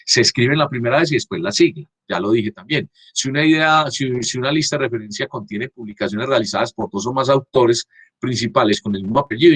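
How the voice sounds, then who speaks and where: A man giving a class lecture over a video call. He talks haltingly, restarts often, and keeps checking that students follow. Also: medium pitch, a bit bright, breathy edge, dry recording. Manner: halting, frequent restarts, checks understanding with "¿cierto?". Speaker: university teacher. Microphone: computer mic on a video call.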